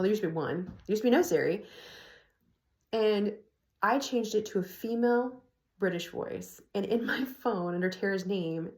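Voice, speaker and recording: A woman's voice: fairly low pitch, creaky, darkish tone, echoey room. Chatty woman telling stories into a phone. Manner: chatty, laughing often. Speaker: vlogger. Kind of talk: casual storytelling. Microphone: phone propped on an ironing board.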